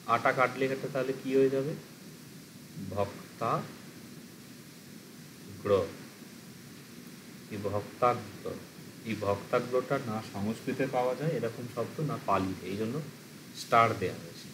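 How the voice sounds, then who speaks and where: A man's voice: medium pitch, moderate pace, noisy background. A man teaching an exam-prep class. He explains step by step and asks and answers his own questions.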